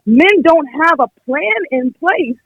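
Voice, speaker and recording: A young American woman calls in to a podcast and argues her opinion in a conversational, emphatic way, often acting out imagined quotes from other people. Her high-pitched voice is animated and a bit bright, though she speaks at a slow pace. The recording is dry and rough.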